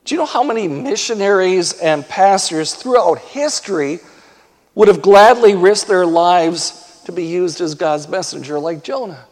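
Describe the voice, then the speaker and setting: A fairly high-voiced man preaching with emphasis and putting pointed questions to his listeners. His voice rings out in a hall with a long reverb. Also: unhurried. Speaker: pastor. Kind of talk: sermon.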